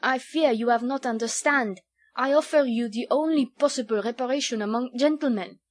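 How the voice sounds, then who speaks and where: A woman's voice: fairly high pitch, normal speed, pitched above the performer's own voice, close to an everyday voice. A woman voicing a proud, hot-tempered young French vicomte in an audiobook, earnest and formal, with a French accent. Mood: earnest protest. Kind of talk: storybook character voice.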